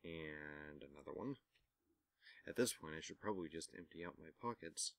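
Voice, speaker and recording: Man, casual gaming commentary, wry self-mocking asides, deep low voice, dry close sound. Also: moderate pace, no echo. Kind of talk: casual let's-play commentary.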